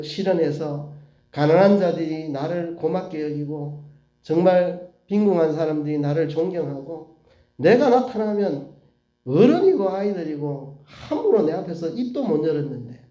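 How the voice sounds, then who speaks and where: A man's voice: on the high side, warm tone, highs cut off, natural voice. Brief: indignant, insult-hurling old man, read by a man, echoey sanctuary sound. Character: aggrieved, furious righteous old man.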